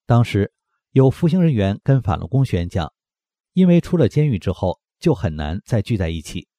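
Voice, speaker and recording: A man reading a scripted news report aloud in a steady read-aloud delivery. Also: on the low side, no room sound, studio quality. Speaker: news reader.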